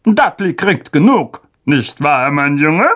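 A man's voice: sing-song, takes it slowly, heavily acted. A man voicing a blustering, furious middle-aged uncle who roars and splutters. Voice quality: loud, booming, spluttering.

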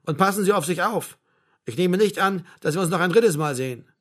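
A man voicing a blunt, mocking old male doctor with a gruff, brusque manner. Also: high-pitched, lively intonation, brisk, a bit bright. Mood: wry. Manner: gruff, brusque, with a bleating laugh.

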